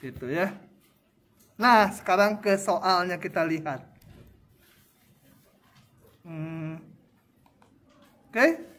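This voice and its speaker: A man's voice: high voice, a bit bright. A male lecturer giving a university math tutorial, drawing graphs while he explains and quizzing students with short questions. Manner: slow, thinking aloud with fillers.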